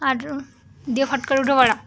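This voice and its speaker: A woman's voice: sits high, steady tone, quick pace, fairly bright tone, slight background noise. A young mother at home with a West Bengal Bengali accent, coaxing and cajoling her child in casual vlog talk, slipping into baby talk.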